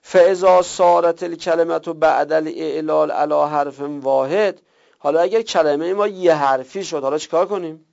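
Gravelly-voiced man teaching grammar, lo-fi. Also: fairly high pitch, a little mellow. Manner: reads Arabic text aloud then explains it in colloquial Persian. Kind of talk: seminary-style grammar lesson. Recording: dull lo-fi recording.

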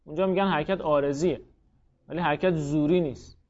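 A male teacher with a high voice works through a grammar lesson. He stops often to repeat key points and question his students. The recording is dull and lo-fi. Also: steady tone, a little mellow. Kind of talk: classroom lecture on grammar.

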